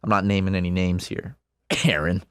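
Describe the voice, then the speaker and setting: A man co-hosting a gaming channel, joking in a deadpan, absurd way while he plays. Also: sits low, moderate pace, clear, resonant tone, dry recording, studio quality. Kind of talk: improvised banter while gaming.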